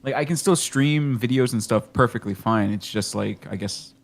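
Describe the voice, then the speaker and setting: A man's voice: medium pitch, moderate pace, gravelly. A man playing in an online tabletop game, chatting casually and rambling in loose restarts over voice chat. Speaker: player. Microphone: computer mic over voice chat.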